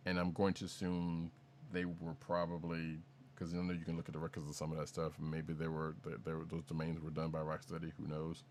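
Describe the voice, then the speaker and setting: Deep-voiced casual podcast guy. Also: completely flat delivery, a little fast, a little mellow, a little hiss or hum. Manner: rambling, self-correcting, jokey. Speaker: podcast co-host. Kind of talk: casual news chat.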